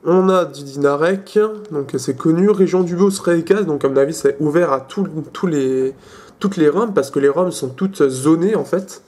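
Young male tech host, a little high-pitched, casual and halting, lots of fillers. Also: a little mellow. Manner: hesitant, many fillers and restarts. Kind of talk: casual screen demo.

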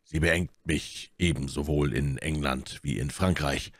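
A man reading aloud voices a calm, cool-headed musketeer who speaks quietly and indifferently. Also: rumbling low, normal speed, no room sound, studio quality.

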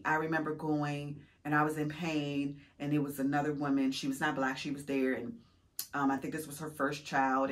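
A woman in her thirties, a mother of five vlogging, telling her story earnestly with faith-filled, encouraging repetition. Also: deep voice. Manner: earnest and encouraging, acts out quoted voices. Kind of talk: casual heartfelt storytelling to camera.

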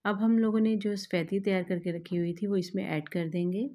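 A woman host, calmly explaining a recipe step by step to her viewers in a voice-over. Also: mid-range voice, brisk. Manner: calm, instructive, addresses viewers directly. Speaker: cooking channel host.

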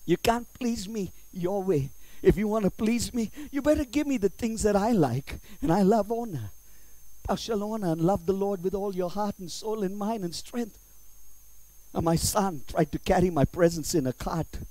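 A pastor preaching a dramatic sermon in the first person as God, swinging between loud high bursts and low hushed passages. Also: male voice, moderate pace, no room sound, low-quality recording.

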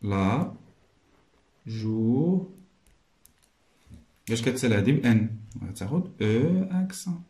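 A man with a Moroccan accent teaching a recorded lesson, explaining step by step and slowly repeating each French word. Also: mid-range voice, animated, dark tone, reverberant.

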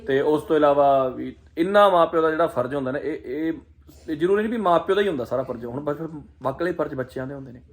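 A man's voice: on the high side, fast. A man with a Punjabi accent chatting casually in a family vlog, teasing and talkative. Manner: chatty, teasing, sings folk lines. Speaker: vlogger.

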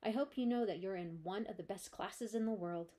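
Woman voicing a squeaky, eager little hamster. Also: a little fast, close to an everyday voice. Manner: bright and eager, friendly. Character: cheerful, curious little male hamster class pet. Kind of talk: storybook read-aloud.

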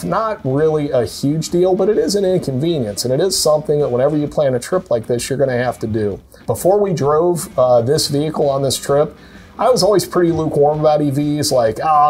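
A middle-aged man seated in a studio, telling a road trip story in relaxed, measured casual talk. His pitch sits mid-range, and faint music runs underneath. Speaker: co-host. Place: indoor studio with a car.

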